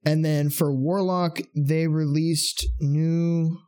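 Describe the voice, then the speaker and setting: A man's voice: a little high, flat delivery, slow pace, warm tone. A man co-hosting a podcast in casual chat, explaining game rules at length with many fillers. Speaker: podcast co-host.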